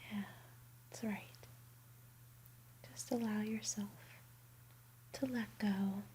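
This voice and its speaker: Slow, soothing whispering woman. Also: medium pitch, steady tone, dark tone, slight background noise, rough recording. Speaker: ASMR roleplay performer. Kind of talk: ASMR bedtime roleplay.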